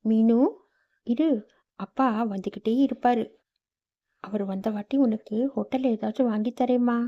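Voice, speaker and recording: A weary cartoon mother who works as a maid. She talks earnestly and soothingly in a fairly high voice, on a slightly dull recording. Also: fairly even intonation, normal speed. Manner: earnest, reasoning and reassuring. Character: poor weary mother, a housemaid.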